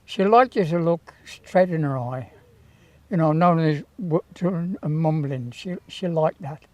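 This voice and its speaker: An elderly man in his eighties telling anecdotes from memory in an interview, in an unhurried, rambling way with hesitations. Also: a little high, darkish tone, dry recording. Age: 80s. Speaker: town crier and former Tower of London yeoman warder. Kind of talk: reminiscing in interview, anecdotal storytelling.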